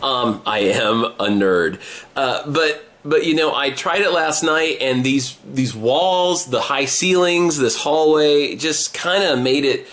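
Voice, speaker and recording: A man speaking as a podcast host in a casual behind-the-scenes vlog, informal and halting, with a self-deprecating manner, recorded in an apartment hallway. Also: medium pitch, a bit bright. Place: hallway of an old high-ceilinged apartment.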